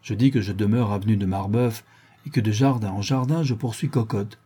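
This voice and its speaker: A man reading the part of a cunning old one-eyed woman thief, reporting in brisk detail in an audiobook. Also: lowish voice, dark tone, breathy edge.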